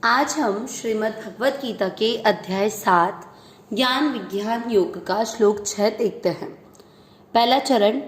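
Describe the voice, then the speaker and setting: A woman with a high, light voice teaches verse pronunciation at an unhurried pace. She explains each syllable patiently and stretches out the chanted words. The room around her gives a noticeable echo. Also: darkish tone. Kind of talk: step-by-step recitation lesson. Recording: roomy echo.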